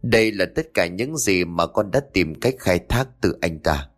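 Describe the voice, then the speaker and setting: A man's voice: deep voice, animated, moderate pace, faint music behind. A man voicing a polite young woman who explains a taped recording to her elders, in a told ghost story. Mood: calm.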